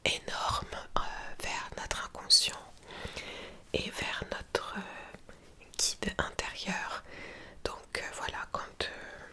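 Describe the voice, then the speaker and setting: Slow, whispering woman, ASMR book chat. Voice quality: soft, breathy unvoiced whisper. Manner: hesitant, unhurried, informal. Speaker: ASMR creator presenting favourite books.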